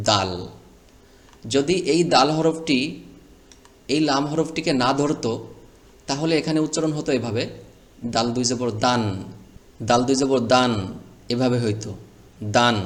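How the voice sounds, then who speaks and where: A man gives a Quran reading lesson over a screen recording, speaking at a mid pitch. He explains each rule patiently and repeats, then sounds out the letters one by one so learners can follow.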